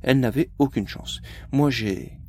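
A man's voice: medium pitch, a little slow, darkish tone, lightly acted. A man voicing a frantic young woman on the run, talking urgently and close to tears. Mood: distraught.

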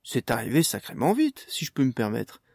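An awkward, halting man, as a reader voices him, stumbling over fillers and unfinished sentences. His voice is gravelly and dry, close to the mic. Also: medium pitch, wildly swooping pitch, a little mellow, dry recording, heavily acted. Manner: stammering, halting. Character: awkward flustered man, hesitant.

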